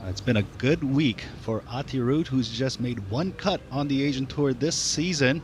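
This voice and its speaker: A man's voice: medium pitch, normal speed, music in the background. A man giving golf commentary as a commentator. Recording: clear outdoor background noise.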